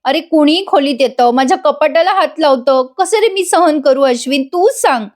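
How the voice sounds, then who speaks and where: A woman's voice: sits high, a little fast, lightly acted. A woman voicing a scheming young wife who pleads tearfully, in a serial retold as a story. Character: scheming young wife, sobbing to win sympathy.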